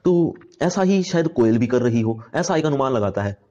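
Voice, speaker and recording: A man's voice: medium pitch, animated, normal speed, dark tone, highs cut off. A man teaching a class poem, reading each verse aloud and then explaining it in simple words, with many fillers. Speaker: Hindi teacher.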